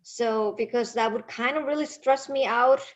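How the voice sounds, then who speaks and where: Speaking at a moderate pace in a voice on the high side, this Icelandic woman, a native speaker with the accent to match, chats casually in an interview as a podcast guest. She rambles and mocks herself with frequent laughter, heard through dull, lo-fi video-call sound.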